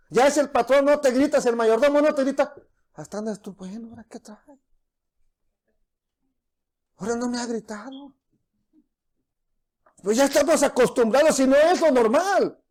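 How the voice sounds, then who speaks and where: A man preaching a sermon as pastor, earnest, often restarting his words. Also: extremely high pitch. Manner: earnest preaching with frequent restarts, acts out soft quoted voices.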